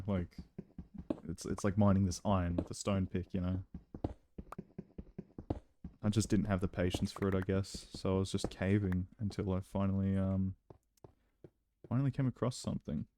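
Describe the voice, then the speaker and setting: A young man talking through a game in a casual, rambling way, his voice low and mellow. He chats along as he plays and now and then breaks into excited bursts. A faint hiss of background noise sits under the recording. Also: normal speed, pauses often. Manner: chatty, rambling, sudden excited outbursts. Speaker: gameplay commentator. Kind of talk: casual let's-play commentary.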